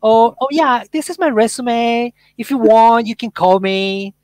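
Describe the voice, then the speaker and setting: A man's voice: very high voice, steady tone, slow pace, darkish tone, clear, resonant tone, no room sound, voice pushed up. A man voicing a casual young adult at a job fair who ends every phrase rising, with drawled fillers. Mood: breezy. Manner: rising sing-song endings, drawled fillers.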